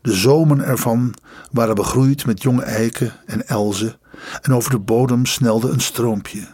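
A man reading a story aloud in measured, dramatic audiobook narration. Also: mid-range voice, darkish tone, breathy edge, no echo, studio quality.

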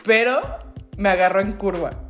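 A woman's voice: mid-range voice, normal speed, a bit bright, faint music behind. A young woman with a Mexican accent, co-hosting a podcast and telling stories in casual slangy chat, laughing often. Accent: Mexican Spanish. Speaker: podcast co-host.

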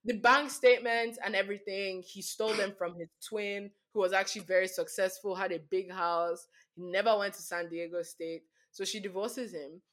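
A woman's voice: mid-range voice, moderate pace, hardly any pauses. A woman co-hosting a casual podcast, retelling a wild story with lots of laughter and acted-out quotes. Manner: animated retelling, acts out quotes, laughs often. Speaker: podcast co-host.

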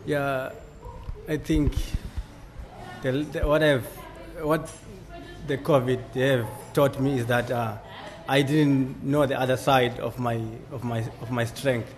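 Earnest man, flat halting speech. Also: medium pitch. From Zimbabwe. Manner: halting, earnest, many restarts. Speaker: coffee shop owner. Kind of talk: interview answers. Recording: music playing clearly behind.

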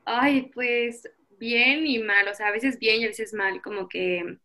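Bright-voiced young Mexican woman. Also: fairly high pitch, slow. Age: 20s. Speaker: podcast guest, visual artist. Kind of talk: casual interview conversation.

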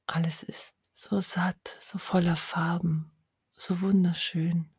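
A woman whispering a slow, soothing guided hypnosis close to the mic. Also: lowish voice, flat delivery, darkish tone, husky, no room sound.

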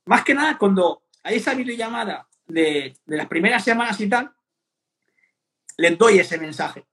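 A man's voice: sits high, expressive, moderate pace, bright, forceful tone. A young man from Spain, a fitness coach talking bluntly in casual slang and acting out what other people say. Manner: blunt, slangy, often acts out quoted remarks. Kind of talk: casual podcast conversation.

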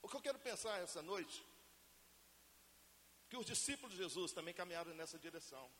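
A man from Brazil preaching a lively sermon to a congregation and asking them to answer him. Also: high voice, brisk. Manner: acts out family scenes in everyday voices. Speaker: pastor. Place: church hall. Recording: reverberant church hall, faint hiss.

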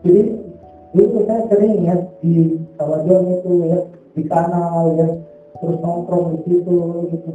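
Male preacher, casual testimony, high and dark-toned, heard from a distance in a booming hall. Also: flat delivery, moderate pace, muffled recording, faint music behind. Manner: casual, repeats filler tags constantly. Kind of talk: sermon testimony. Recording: very echoey hall, far from mic.

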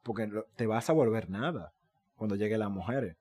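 A young man with a Dominican Spanish accent tells stories in a loose, slangy way on a casual podcast. His pitch jumps up and down as he gets worked up, and he swears freely. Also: normal speed, slightly rough. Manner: animated, slangy storytelling with swearing. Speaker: podcast co-host. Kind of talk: casual chat.

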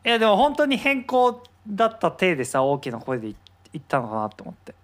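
Man, skeptical co-host, brisk pace, lively teasing questions. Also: sits high. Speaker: podcast co-host. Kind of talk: casual chat.

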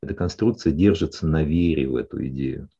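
In a counseling session, a male psychologist speaks steadily and explanatorily in a deep, husky, warm voice. He frequently checks in with his client with "да?" to make sure she follows. The recording is slightly dull and lo-fi.

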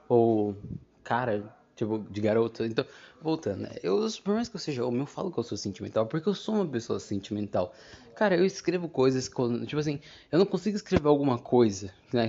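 A young man chats through a casual solo podcast at an ordinary middle pitch. He rambles, loses his thread and keeps circling back with fillers. The home recording sounds somewhat dull and lo-fi. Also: warm tone. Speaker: podcast host.

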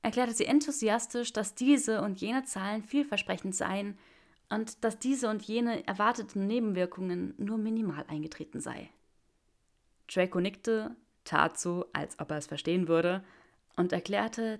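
A woman reading a translated fan story aloud in a calm, measured storytelling manner. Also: medium pitch. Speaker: narrator.

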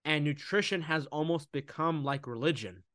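Animated, higher-voiced man in casual talk. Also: normal speed, dry recording, studio quality. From United States. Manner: animated, mocking voices in quotes. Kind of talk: casual podcast conversation.

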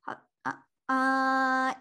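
A podcast co-host chats casually and expressively with a friend. Her high voice is pushed and bright yet monotone, and she speaks very slowly.

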